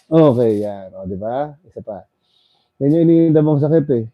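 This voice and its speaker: A man's voice: medium pitch, normal speed, dry recording, narrow, tinny audio. Dry-voiced man coaxing a massage client. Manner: coaxing, repeats calm instructions. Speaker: traditional bone setter. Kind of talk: guiding a client through a massage.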